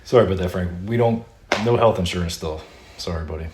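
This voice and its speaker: A young man co-hosting a podcast in a cold garage, talking in relaxed, joking banter. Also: low voice, quick pace. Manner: laid-back joking, opens the show. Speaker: podcast co-host. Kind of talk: casual banter. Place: unheated home garage. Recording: echoey garage with noticeable noise.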